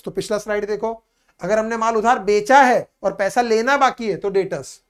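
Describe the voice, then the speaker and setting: A male tutor takes students through an accounting lesson. He repeats key ideas and addresses the class fondly as "beta." When a textbook definition comes up, he slows down and reads it word by word. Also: sits high. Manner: patient, repetitive explaining, calls students "beta"; reads English definitions slowly and deliberately. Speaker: commerce teacher. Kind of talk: classroom lecture in mixed Hindi and English.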